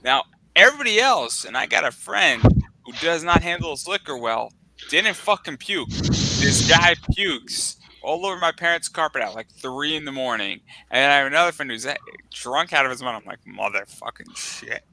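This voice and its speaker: A young man telling stories in a loose, profane way on a tabletop-games stream. His voice is very bright and sharp, and it sits dry and close to the mic with no room sound. He rambles, stacking likes and curse words as he goes. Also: a little high, lively intonation, moderate pace, dry recording, poor audio. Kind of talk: casual chat, storytelling.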